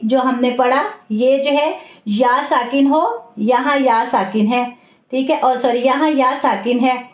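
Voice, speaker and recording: Woman teacher doing an online recitation class, patient, spells each sound out slow, muffled lo-fi sound. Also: high-pitched. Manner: patient, explains step by step, slows to model recitation; greets and praises students by name. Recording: echoey, dull lo-fi room sound.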